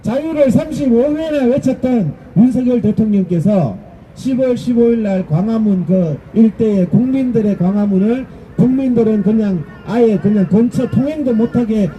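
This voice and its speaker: A man giving an impassioned political speech to a gathered audience, combative and rhetorical, rising to shouts. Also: extremely high pitch, normal speed, lo-fi sound, slight background noise. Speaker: political rally speaker. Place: public gathering with a live audience.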